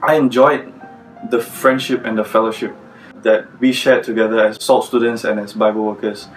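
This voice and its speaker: A man's voice: on the low side, fairly even intonation, moderate pace, far from the mic, soft background music, rough recording. A man from Malaysia, earnestly reflecting as he gives a personal testimony. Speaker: former student giving testimony.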